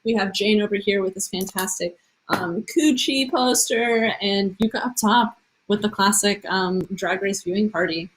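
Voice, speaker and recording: A woman hosting a live online game show in an upbeat, brisk manner. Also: medium pitch. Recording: music under the voice.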